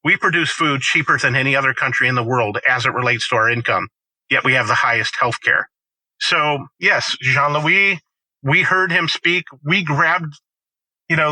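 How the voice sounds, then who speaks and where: A middle-aged farmer, a guest in an interview, telling stories emphatically and acting out quotes. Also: male voice, a little high, normal speed, dry recording, low-quality recording. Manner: storytelling, emphatic, animated quoting. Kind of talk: conversational interview.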